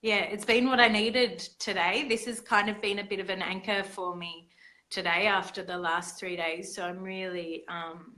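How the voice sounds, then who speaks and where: Speaking at a normal, steady pace, the woman has a mid-range voice with a bright, forceful tone. She's hosting a women's circle on a video call, talking loosely and haltingly with many fillers and restarts, and the audio is poor.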